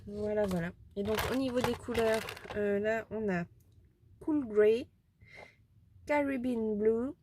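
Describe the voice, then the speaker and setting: Woman craft vlogger, excitable and self-deprecating, rambling casual delivery, mid pitch, light hiss behind. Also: measured pace. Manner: rambling, chatty, with frequent restarts and giggles. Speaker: craft vlogger showing a shopping haul. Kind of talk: casual chat.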